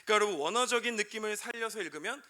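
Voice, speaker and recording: The twenty-something youth pastor delivers his sermon to high schoolers in a rapid-fire, pushed and bright voice. He calls out to the audience again and again, asking questions only to answer them himself.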